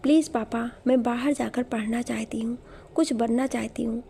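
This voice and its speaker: A woman's voice: fairly high pitch, steady tone, normal speed, vocal fry, mellow, a little hiss or hum. A woman storyteller voicing an earnest, ambitious young daughter in a spoken storybook. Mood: pleading.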